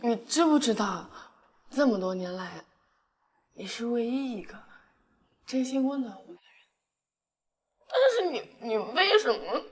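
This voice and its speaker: A woman's voice: a little high, expressive, measured pace, long pauses, husky. An actress playing a tipsy, lovesick young woman in a screen drama, pleading and insisting stubbornly. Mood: hurt, desperate.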